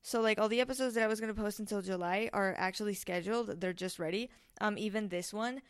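A woman's voice: medium pitch, fast. A teenage girl from Spain hosting her podcast, rambling casually with many ums and restarts, a little tired and nervous. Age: late teens. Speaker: podcast host. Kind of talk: casual solo podcast chat.

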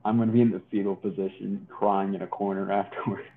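A man's voice: low-pitched, little pitch movement, quick pace. A man co-hosting a casual podcast, joking around and rambling with frequent restarts. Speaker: podcast co-host. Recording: tinny phone-like sound.

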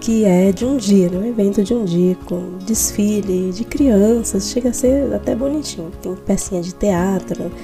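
A woman's voice: mid-range voice, normal speed, gravelly, hardly any pauses, music in the background. A Brazilian woman with a Brazilian Portuguese accent hosting a devotional podcast, talking in a reflective, chatty way and sometimes correcting herself. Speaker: podcast host. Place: home in Switzerland.

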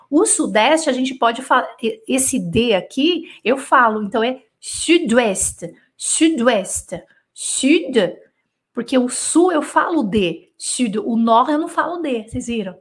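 Woman, French teacher, patient explanations, lively checks with students, higher voice. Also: breathy edge. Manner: explains patiently, switching between Portuguese and French examples; animated, with frequent checks like "né?" and "d'accord?". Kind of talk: live online dictation lesson.

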